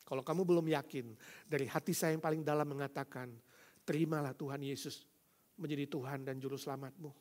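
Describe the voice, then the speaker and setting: Man, pastor, sermon, high voice, loud proclamations then quiet passages, direct questions to listeners. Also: fairly even intonation, brisk. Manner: dramatic swings between loud proclamations and soft quiet passages; calls the audience "saudara" and asks them direct questions.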